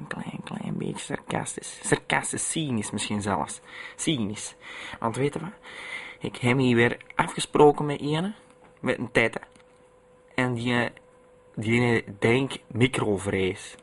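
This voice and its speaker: A man with a Flemish accent hosting a radio show, rambling and repeating himself in gruff dialect. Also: medium pitch, slight background noise. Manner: repetitive, tacks "hè" onto lines, gruff dialect. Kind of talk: rambling comic radio monologue.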